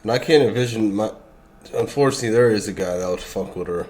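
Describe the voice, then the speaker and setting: A man reacting to clips with blunt, profane commentary, his voice rising into loud outbursts. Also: fairly low pitch, fast.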